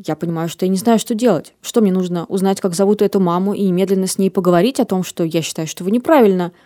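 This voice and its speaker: Mellow-voiced woman in her thirties hosting. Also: medium pitch, fast, dry recording, clean studio sound. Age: 30s. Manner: reflective, storytelling. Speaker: podcast host. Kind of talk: casual podcast chat.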